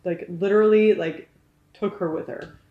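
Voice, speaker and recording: A woman chats through a casual movie review in a roomy, echoing space. Her voice is mid-pitched, and she comes across as tipsy and blunt. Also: steady tone, normal speed, phone-quality sound. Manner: tipsy, blunt, interjecting talk. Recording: roomy, echoey sound.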